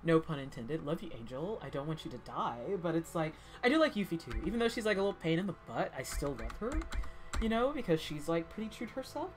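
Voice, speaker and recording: A woman's voice: low-pitched, sing-song, fast. A woman giving casual, rambling commentary while playing a game. She fills her talk with "like" and sounds heated yet cheerful. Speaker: gameplay commentator. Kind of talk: casual gameplay chat.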